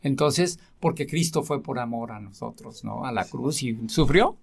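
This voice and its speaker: A man with a Mexican accent talks about his faith in a loose, rambling way. His voice sits at an ordinary middle pitch, and he keeps leaning on fillers and tag questions. He sounds earnest and gets animated when he stresses a point. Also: moderate pace, vocal fry. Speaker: guest sharing his faith. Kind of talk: casual faith conversation.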